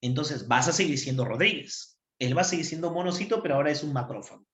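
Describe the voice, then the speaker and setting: A male anatomy teacher giving an animated online lecture and checking that students follow. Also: fairly high pitch, quick pace. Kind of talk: online class lecture, storytelling. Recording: roomy echo.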